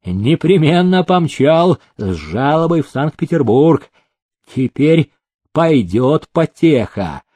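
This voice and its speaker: Guy doing a gloating old uncle, slow drawl, dark husky tone. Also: on the high side, sing-song, no echo, voice pushed up, heavily acted. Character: gloating, grudging older male merchant uncle.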